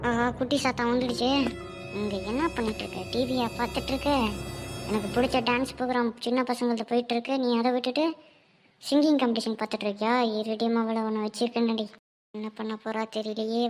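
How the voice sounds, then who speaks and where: Two young cartoon sisters bicker nonstop, the older one bossy and the younger one cheeky and sing-song, both put on by one woman. Their voices sit high and girlish, full of teasing and whining. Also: natural voice. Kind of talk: homemade cartoon voice acting.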